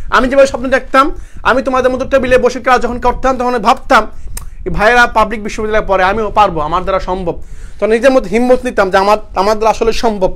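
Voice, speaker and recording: A young man leads an online live class for university admission. His voice sits very high for a man, and he keeps quizzing students with short repeated questions before giving the answers himself. He closes points with encouragement to keep trying. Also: a bit bright. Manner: encouraging, motivational. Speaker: university admission coaching teacher.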